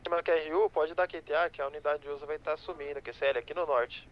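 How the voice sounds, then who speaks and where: A man's voice: fairly high pitch, steady tone, fast. A man working as a police dispatcher in a game roleplay, heard over a police radio, answering in clipped radio codes. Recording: dull lo-fi radio voice.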